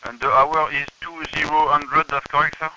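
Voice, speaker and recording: A man's voice: fairly high pitch, level tone, normal speed. A man working as a coast traffic radio operator, heard over a marine VHF radio and running through formal call-and-response radio procedure in a clipped, methodical way. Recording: muffled radio channel with static.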